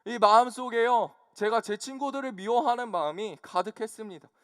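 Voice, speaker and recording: High-voiced young preacher, dry close sound. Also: male voice, clean tone, dry recording. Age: young adult. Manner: earnest personal testimony with frequent polite -요 pauses. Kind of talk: sermon.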